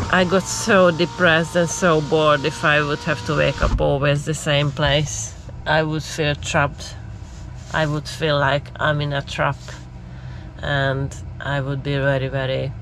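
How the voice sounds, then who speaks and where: A low-voiced woman with a cold chats in her lorry cab, filmed by a dashboard camera with a little hiss or hum. She's a lorry-driver vlogger, relaxed and chatty, laughing often and using slightly non-native phrasing.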